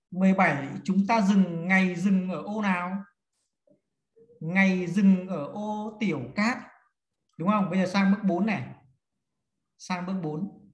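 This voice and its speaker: A male feng shui teacher with a high voice gives a classroom lesson at a slow pace. He counts and instructs step by step, and the room sounds echoey.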